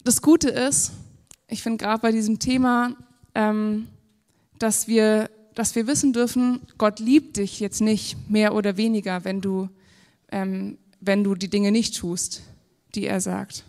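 A woman's voice: medium pitch, level tone, a little slow, a little mellow. A woman in her thirties giving an earnest, encouraging sermon in a church, often praying aloud. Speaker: preacher. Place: church hall with worship music. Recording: long hall reverb, faint music behind.

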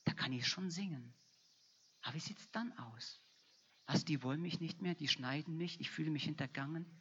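A woman's voice: sits low, normal speed, a little hiss or hum. A woman preaching a sermon, emphatic and repetitive, building to fervent passages. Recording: dull lo-fi recording.

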